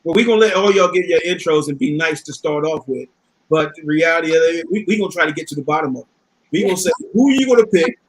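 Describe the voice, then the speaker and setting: A man's voice: a little high, animated, quick pace, low-quality recording. A man hosting a casual boxing panel chat, talking informally and repeating phrases for emphasis. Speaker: host.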